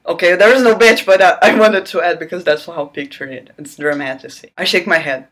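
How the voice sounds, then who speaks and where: With a lowish, brisk voice and crowd noise behind her, a woman hosting her own channel reads a romance novel aloud in an over-the-top theatrical manner. She keeps breaking off for sarcastic jokes and squeals, turning it into a mock-dramatic reading.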